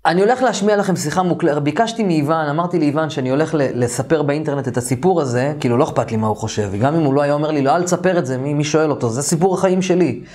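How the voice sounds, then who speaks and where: A man teaching an online course, telling a first-person story in a lively, colloquial and emphatic way. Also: on the high side, hardly any pauses.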